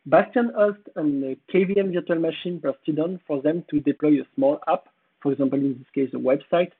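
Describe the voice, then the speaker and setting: A man with a French accent and a hoarse voice, giving a technical conference presentation in a halting way, pausing to search for words. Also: on the high side. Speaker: conference speaker. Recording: tinny phone-like audio.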